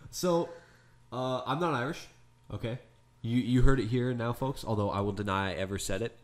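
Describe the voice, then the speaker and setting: A man's voice: mid-range voice, normal speed. A young man co-hosting a casual chat, rambling with many fillers and restarts. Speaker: podcast co-host.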